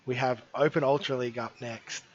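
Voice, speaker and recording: A man commentating a live game match as caster, slightly hoarse, chatty, with apologetic asides. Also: medium pitch, fairly even intonation, a little fast, highs cut off, a little hiss or hum. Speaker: esports caster.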